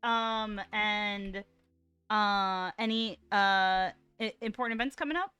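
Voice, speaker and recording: A woman's voice: mid-range voice, slow pace, sharp tone, smooth, no room sound, soft background music. A woman hosting a casual podcast chat, giggly, with fillers when she steers the talk. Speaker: podcast host. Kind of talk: casual chat among streamers.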